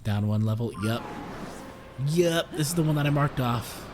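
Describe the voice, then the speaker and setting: A man with a mid-range voice streams a video game at normal speed, chatting casually, making self-deprecating jokes and swearing freely. It's relaxed let's-play commentary over a noisy background with game music playing.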